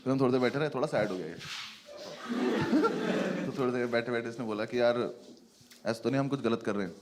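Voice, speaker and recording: A young adult man doing stand-up, telling an animated story and laughing through his lines on a stage before a live audience. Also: mid-range voice, fast. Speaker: stand-up comedian. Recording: loud noise over a stage recording.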